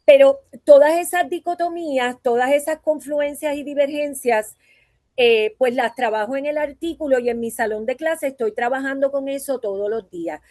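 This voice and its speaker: High-voiced Puerto Rican woman teacher. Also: normal speed, darkish tone, no echo. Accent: Puerto Rican Spanish. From Puerto Rico. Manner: earnest, reflective, frequent "¿verdad?" tags. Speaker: voice and acting teacher. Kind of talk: conference talk.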